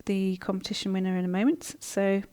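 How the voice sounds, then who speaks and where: A woman with a mid-range voice speaks a little fast in a flat delivery. She hosts a live online coaching session, reading and answering viewer comments in a chatty, warm-hearted way. Her talk is casual and full of ums and restarts.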